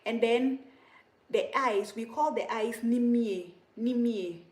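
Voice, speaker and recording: A woman, a Dagaare speaker, casually teaching vocabulary on a livestream, repeating words slowly and laughing at herself often. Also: on the high side, a little mellow, reverberant. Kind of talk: casual spoken language lesson.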